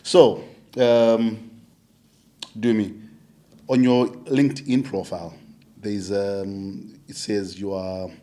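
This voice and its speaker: A man's voice: fairly low pitch, flat delivery, dark tone. A man hosting a radio interview, chatty and eager, often cutting in to agree. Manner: friendly, eager, quick to affirm with "yeah". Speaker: radio show host. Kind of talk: conversational interview.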